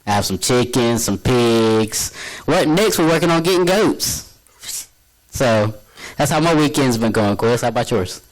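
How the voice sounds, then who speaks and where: A man's voice: medium pitch, animated, measured pace, poor audio. A man as a guest on a podcast, chatting in an easygoing, jokey way. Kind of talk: casual chat.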